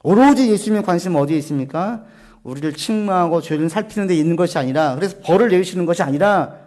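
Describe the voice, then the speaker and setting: A male pastor preaching a sermon, asking the congregation questions and answering them himself, dropping to a soft low voice on key points. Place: church sanctuary.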